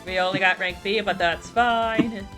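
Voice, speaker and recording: A woman's voice: medium pitch, steady tone, unhurried, sharp tone, faint music behind. A woman streaming a game, chatting casually and reading character profiles aloud.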